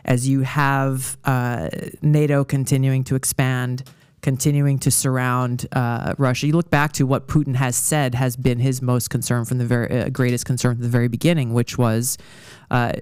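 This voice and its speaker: A man speaking as a podcast guest on politics, measured, with hesitant restarts before long points. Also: medium pitch, level tone, darkish tone, clear, resonant tone, dry recording, clean studio sound. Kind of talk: political discussion.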